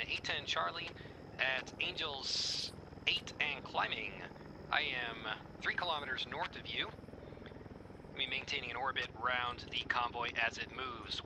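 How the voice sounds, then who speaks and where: Guy playing chopper pilot, medium pitch, clipped procedural radio calls, clear vehicle noise and clicks behind him. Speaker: helicopter pilot player. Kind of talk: military aviation radio calls in a simulation game. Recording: clearly noisy vehicle background.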